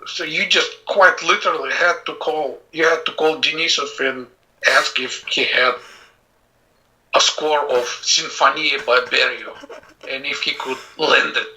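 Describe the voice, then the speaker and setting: Bright-voiced man. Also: on the high side, fairly even intonation, poor audio. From Azerbaijan. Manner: reflective, halting with many fillers and restarts. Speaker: composer and pianist guest. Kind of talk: casual interview talk.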